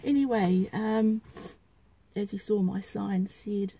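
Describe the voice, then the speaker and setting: Chatting matter-of-factly for her outdoor vlog, a woman stands by a car along a suburban road as vehicles go by. Her medium-pitched voice is husky, gravelly and mellow, and she speaks slowly in a steady tone.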